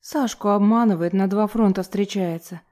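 A calm young woman with a dry wit, speaking evenly and coolly , played by a woman reading an audiobook. Her voice is mellow and warm. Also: medium pitch, moderate pace, close to an everyday voice.

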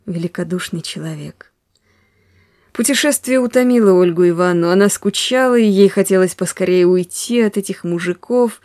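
A woman reading a classic story in scripted narration, soft and measured, often sinking to a hush. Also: mid-range voice, no room sound, studio quality. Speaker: reader.

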